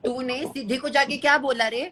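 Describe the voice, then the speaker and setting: A woman's voice: high voice, steady tone, a little fast, fairly bright tone, no room sound. A young woman in a heated live-stream argument, accusing the other person and insisting they hear her out. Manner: accusing, keeps demanding to be heard.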